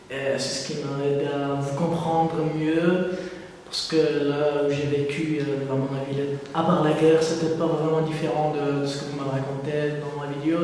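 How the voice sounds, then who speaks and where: A man's voice: fairly high pitch, darkish tone, slight background noise. A young man from Morocco speaks casually and rambles with fillers. His voice is slightly raised, and it sounds distant and echoey in a large room. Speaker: student. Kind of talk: casual group video. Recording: echoey hall from far off.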